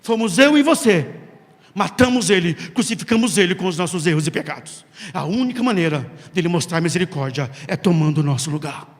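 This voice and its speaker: A man delivers a sermon in a very high voice, telling a story with dramatic pauses and acting out the lines of each character. His voice carries a long reverb from a large hall. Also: animated. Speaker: preacher.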